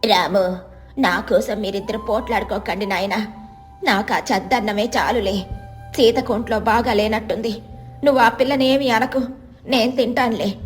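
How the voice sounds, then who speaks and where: A woman voicing a meek, tearful mother-in-law in her seventies who speaks softly and pleads. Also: medium pitch, normal speed, faint music behind, pitched below the performer's own voice, lightly acted. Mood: resigned. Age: 70s. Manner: pleading, soft and shaky.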